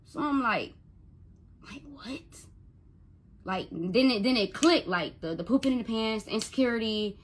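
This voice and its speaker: A woman's voice: a little high, animated, brisk. A young woman telling an emotional personal story to the camera as a mother, stuttering and repeating words when she gets upset.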